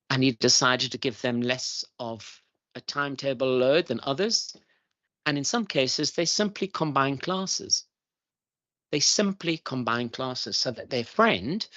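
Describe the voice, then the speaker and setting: A middle-aged man, the chief schools evaluator, gives earnest, emphatic testimony to a parliamentary committee, repeating his key points. His voice is mid-range and fairly bright, caught in a dry, dull lo-fi committee room recording.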